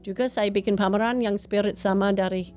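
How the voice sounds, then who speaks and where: Music plays behind a woman with a mid-pitched voice and an American accent. She is a native English speaker talking in Indonesian as a foreigner, often mixing in English phrases. Her delivery is casual storytelling, as a guest in an interview. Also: fairly even intonation, a little fast, a little mellow. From United States. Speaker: interview guest, gallery owner and painter.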